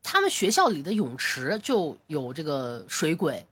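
Husky-voiced woman, lively podcast chat. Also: low voice, dry recording. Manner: chatty listener, quick reactions and laughter. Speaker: podcast co-host. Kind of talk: casual chat.

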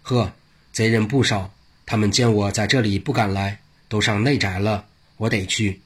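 Man voicing eccentric old monk, mischievous, teasing, low pitch, husky. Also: steady tone, moderate pace. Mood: brash. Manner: brash, teasing.

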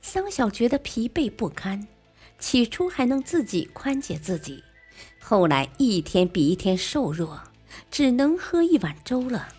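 A woman tells a classic tale with a husky, breathy quality and lively movement in her pitch. Her delivery is expressive and even-paced. Soft music sits faintly underneath. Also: measured pace. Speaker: storyteller.

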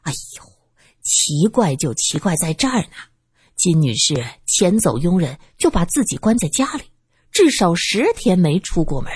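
A chatty, anxious building manager, as a woman puts him on in a storybook reading, wheedling and quick to dodge blame. The voice is husky and swings widely in pitch. The recording is dry and close. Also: big pitch swings, darkish tone, no room sound, exaggerated voice. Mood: worried. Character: fussy nervous male building manager.

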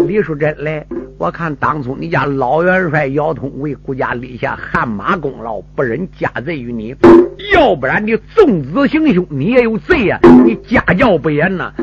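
A man's voice: on the high side, vocal fry. A man playing a stern, haughty emperor who lectures and rebukes in a sung story. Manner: cold, lecturing, quick rebukes. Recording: lo-fi recording under loud music.

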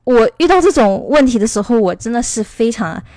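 A woman's voice: a little high, expressive, fairly quick, darkish tone, no room sound, studio quality. A woman from China teaching English in a casual online lesson, rambling and explaining at length.

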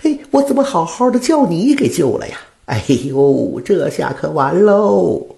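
Man putting on a shrill self-righteous old woman. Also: very animated, slow, gravelly, exaggerated voice. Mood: indignant.

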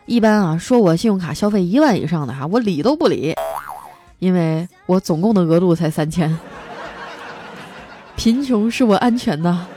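A woman host spins comic everyday stories in a lively, chatty monologue. She draws out the little particles at the ends of her phrases. Faint music runs softly underneath. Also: fairly low pitch, normal speed, long pauses.

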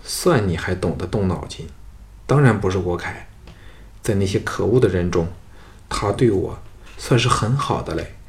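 A man reading the lines of a scheming, vengeful young noblewoman in a soft, subdued voice. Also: lowish voice, unhurried.

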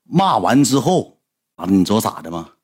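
A man, telling a story to his livestream audience in a blunt, animated way and swearing freely. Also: fairly low pitch, a little fast, slightly rough. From Northeast China.

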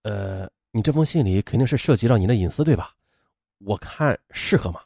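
A man voicing a cautious, earnest young male student who talks low and hesitantly. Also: big pitch swings, brisk, a little mellow, husky, no echo, clean studio sound.

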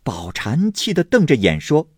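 Male narrator reading a classic novel; slow, husky, very dry close sound. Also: on the high side, no echo. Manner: expressive storytelling, voicing each figure. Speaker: audiobook reader. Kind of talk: classical novel read aloud.

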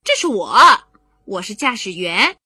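A woman's voice: medium pitch, big pitch swings, measured pace, sharp tone, breathy edge, dry recording, full character voice. A woman voicing an eager, boastful little boy in a bedtime story.

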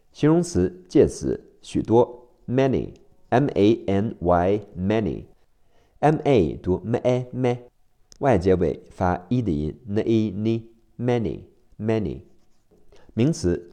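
Deep-voiced guy teacher spelling out english words letter by letter, real slow, kinda dark mellow tone. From China. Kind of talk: spelling and pronunciation drill.

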